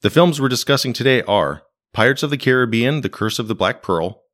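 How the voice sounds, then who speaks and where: A man's voice: medium pitch, animated, fairly quick, fairly bright tone. A man hosting a podcast in casual, wry conversational commentary, recorded in a living room. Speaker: podcast host. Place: living room used as a home studio.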